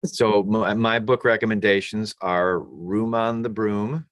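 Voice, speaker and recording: A man hosting an interview over a video call, relaxed, often repeating short acknowledgements. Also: on the low side, measured pace, no echo. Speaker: interview host. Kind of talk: conversational interview. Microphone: video call mic.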